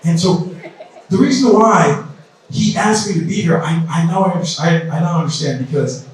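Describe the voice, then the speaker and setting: At a large indoor campaign event, a man in his thirties from South Sudan rallies the audience in loose, repetitive speech, his voice a bit high and his speed normal. The mic sits far away, so the hall's echo comes through clearly.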